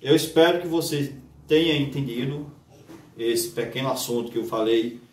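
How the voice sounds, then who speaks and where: A man's voice: mid-range voice, normal speed, far from the mic. A male teacher who takes his time and asks his class questions, drawing each word out one syllable at a time. His voice sits a bit away from the mic in a roomy, echoing space. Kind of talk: grammar lesson. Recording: echoey room, voice from off mic.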